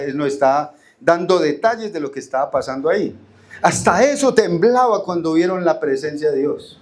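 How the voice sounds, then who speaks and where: A Colombian man with a slightly high, mellow voice preaches a Bible study in a church hall. He asks the congregation questions and answers them, and when reading verses aloud he draws out the key words.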